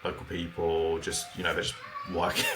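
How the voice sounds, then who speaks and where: Very deep-voiced British man. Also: completely flat delivery, background noise. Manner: halting, with many fillers and restarts. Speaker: podcast co-host. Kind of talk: casual chat.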